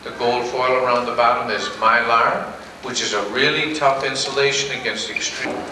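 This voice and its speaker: A man giving a guided tour to visitors, repeating his relaxed script for each new group, filmed from a distance on an old home VHS camcorder tape. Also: mid-range voice, normal speed. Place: large exhibit hall indoors. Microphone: far camcorder mic. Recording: echoey hall on a noisy old VHS tape.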